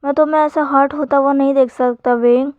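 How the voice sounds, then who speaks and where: A woman's voice: high-pitched, steady tone, brisk, dry recording, natural voice. A woman reading Wenchao, a scheming possessive young man. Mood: pleading. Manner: read in a plain narrating voice, softer when plotting. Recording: dull lo-fi sound.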